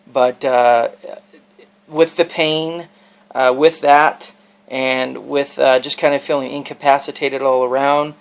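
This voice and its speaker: Gravelly-voiced man rambling through a vlog. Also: mid-range voice. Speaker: video blogger. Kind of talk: casual vlog monologue, explaining and advising.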